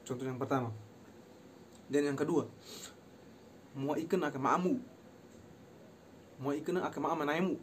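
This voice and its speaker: Young man slowly explaining vocabulary. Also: fairly high pitch, slight background noise. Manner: explains terms, then slowly repeats the pronunciation of each phrase; mixes in short English phrases. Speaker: university student. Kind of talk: recorded class presentation.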